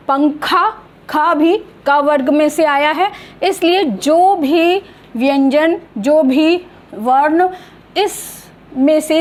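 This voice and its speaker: A high-pitched woman who speaks slowly while teaching a grammar lesson online. She is middle-aged and patient, and she stretches out each example word so it can be heard clearly. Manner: slow, patient, drawing out example words.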